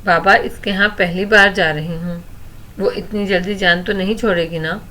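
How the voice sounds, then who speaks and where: A woman voicing a cheerful, playful young daughter in a read-aloud novel, with a lively, teasing manner. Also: on the low side.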